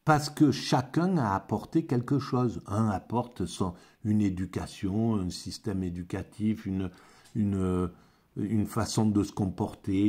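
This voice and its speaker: A man talks through ideas in a loose, rambling monologue, stumbling over repeated words as he thinks. His voice is low and warm, with a soft husky edge. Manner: halting, many repeated words and restarts. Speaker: amateur philosophy vlogger.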